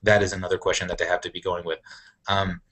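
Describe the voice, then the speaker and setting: Guy from syria hosting a video panel, lowish voice, lots of restarts. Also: little pitch movement, fairly bright tone. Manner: halting, many restarts and fillers. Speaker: host of an online panel discussion. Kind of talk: casual live video discussion.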